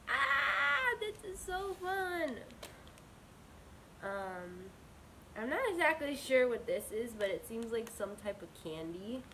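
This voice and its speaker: A woman with a cold chatting casually and gushing with excitement as she presents an unboxing vlog. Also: mid-range voice, a little hiss or hum, poor audio. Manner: gushing, bubbly, drawn-out words. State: slightly sick, with a cold. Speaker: unboxing vlogger.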